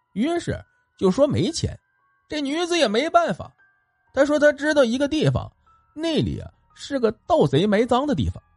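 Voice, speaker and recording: A male storyteller with a high, very lively voice and a husky grain, narrating a ghost story in a colloquial, animated way. The recording is dry and close, with faint music underneath. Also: dry recording.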